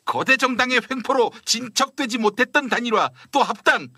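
A man voicing a whiny, indignant young male politician who poses as a crown prince in a satirical period-drama parody, protesting in a high, strained voice. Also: lively intonation, a little fast, bright, forceful tone, husky, dry recording, clean studio sound, heavily acted. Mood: whining. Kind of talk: satirical Joseon-era costume parody.

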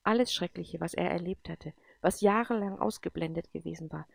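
Brief: woman storybook narrator, low pitch, calm and even. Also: brisk, creaky, no echo. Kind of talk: storybook reading.

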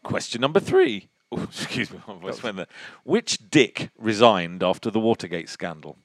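A man's voice: low voice, moderate pace, fairly bright tone, dry recording. A man co-hosting a quiz in casual, jokey banter, teasing his partner as he goes. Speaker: quiz show co-host.

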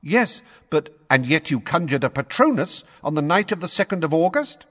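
A man's voice: on the high side, very animated, moderate pace, fairly bright tone, long reverb tail, voice pushed up. A man doing a pompous, testy official. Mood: badgering. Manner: pompous, testy, reading charges formally. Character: blustering testy male minister, middle-aged official.

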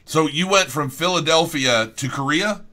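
A man's voice: a little high, normal speed, sharp tone. A man hosting a live-streamed interview, joking around and often stammering on restarts. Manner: stammers and jokes, self-deprecating. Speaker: host.

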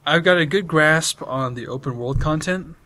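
A man's voice: fairly high pitch, moderate pace, bright, forceful tone. A man from Britain, a podcast co-host chatting casually and enthusiastically about video games, rambling with lots of fillers. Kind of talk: casual gaming chat.

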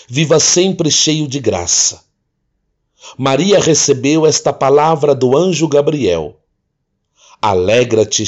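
A priest giving a short radio homily and blessing in a calm, measured preaching manner. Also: male voice, mid-range voice. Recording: dull lo-fi radio sound.

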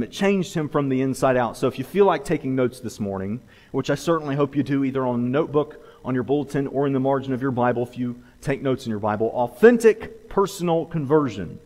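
A man's voice: medium pitch, a little mellow. A man from preaching a sermon to his church, earnest and pleading, often restarting his phrases. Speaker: pastor. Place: church sanctuary. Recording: long hall reverb.

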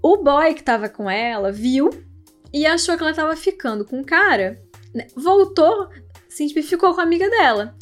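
High-voiced chatty young woman. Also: moderate pace, soft background music. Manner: chatty, animated, laughing, quotes people in raised voices. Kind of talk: casual storytelling to viewers.

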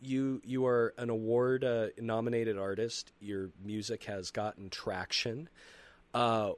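A man hosting a casual interview, laid-back and chuckling, with a slightly rough morning-after voice and halting restarts. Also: medium pitch, little pitch movement, no room sound. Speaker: interview host.

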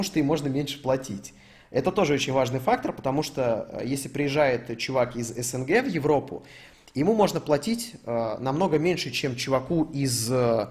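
A man's voice: medium pitch, a little mellow. A young man streaming, reading out donations and ranting in a casual, profane, rambling way. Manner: swears a lot, rambling with fillers.

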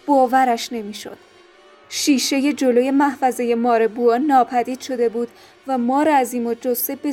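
Calm woman storyteller, mellow higher voice. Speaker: audiobook narrator. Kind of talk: scripted audiobook narration.

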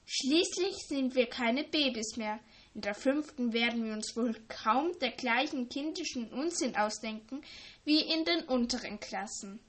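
A woman's voice: a little high, measured pace, fairly bright tone. A woman reading the part of a playful teenage schoolgirl prankster, teasing and mock-serious.

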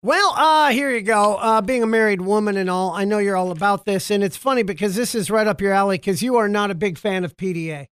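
A man's voice: sits high, fairly quick, few pauses, a bit bright, smooth, no echo. A man hosting a radio show, chatting casually and teasing his wife on the phone. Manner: joking, teasing, playful. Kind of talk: casual morning radio banter.

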